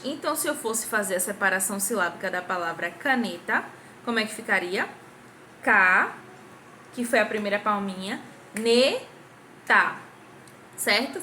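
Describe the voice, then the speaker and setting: A woman's voice: medium pitch, expressive, normal speed, bright, forceful tone, slight background noise. A young adult woman with a Brazilian Portuguese accent, a primary school teacher recording a patient grammar review for children, asking the class questions and clapping out syllables.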